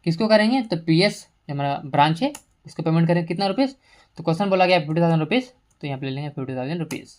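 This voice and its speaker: A woman with a low voice teaches a screen-recorded computer lesson. She explains each entry patiently and in order, mixing in English terms as she goes, and clicks can be heard as she works. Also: animated, rapid-fire, a little mellow. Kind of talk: screen-recorded software tutorial.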